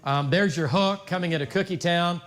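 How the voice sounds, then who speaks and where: A high-pitched, fairly bright-toned man speaks at normal speed, anchoring live severe weather coverage in America. He ad-libs in a folksy, emphatic way, repeating phrases for stress, and there is noticeable background noise.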